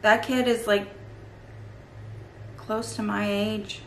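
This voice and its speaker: A woman in her thirties chats casually with a sardonic, sweary, rambling manner. Her voice sits at a middle pitch. The room echoes and there is faint background noise. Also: little pitch movement, slow pace, a bit bright. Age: 30s. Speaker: host reacting to old toy commercials. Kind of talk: casual comedic commentary.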